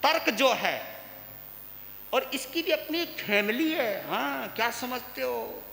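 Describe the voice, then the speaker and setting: High-voiced, slow-preaching monk in an echoing hall. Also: male voice, vocal fry, bright, forceful tone. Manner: slow, emphatic, repeats phrases and asks the listeners questions. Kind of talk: sermon. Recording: echoey hall with long reverb and faint hiss.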